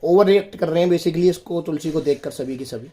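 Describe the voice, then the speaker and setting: A man's voice: fairly high pitch, a little fast, warm tone. Man, casual home vlog, playful teasing dad, chatty, indoors. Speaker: father and vlogger. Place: indoors at home, in front of a heater.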